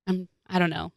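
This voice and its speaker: A woman's voice: lowish voice, vocal fry, no room sound, studio quality. A young woman co-hosting a podcast in casual chat, rambling and giggling often. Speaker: podcast co-host.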